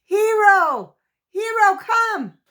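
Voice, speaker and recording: A woman's voice: high voice, lively intonation, takes it slowly, voice pushed up. Woman doing young boy, mountain kid, urgent, bossy, raised voice, storybook. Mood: shouting. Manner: urgent, commanding. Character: determined young mountain boy giving orders.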